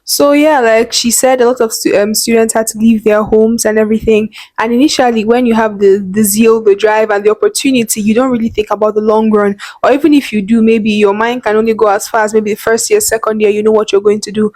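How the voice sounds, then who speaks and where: A woman's voice: on the high side, fairly even intonation, a little fast, hardly any pauses, a little mellow, no echo, rough recording. Thoughtful woman from Nigeria, dry sound. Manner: thoughtful, uses "like" often. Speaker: guest, medical student. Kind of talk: casual chat.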